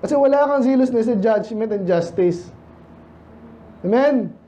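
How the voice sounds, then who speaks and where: Man from the Philippines, pastor, mellow high voice, chatty sermon, rhetorical questions, slow scripture reading. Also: lively intonation, slight background noise. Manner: conversational preaching, frequent rhetorical questions; reads Bible verses slowly in English.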